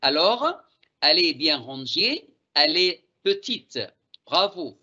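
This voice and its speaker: An Egyptian man teaching French, speaking slowly and deliberately as he drills each phrase. His voice is bright and a little husky, with lively swings in pitch. The recording is dull and lo-fi. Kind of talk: exam review lesson.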